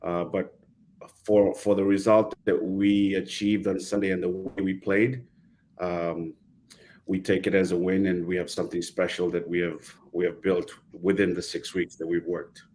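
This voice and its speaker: A middle-aged man, a rugby coach speaking as a guest in a casual interview, measured and pausing as he talks over a video call. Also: deep voice, little pitch movement, a little mellow, a little hiss or hum. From Fiji.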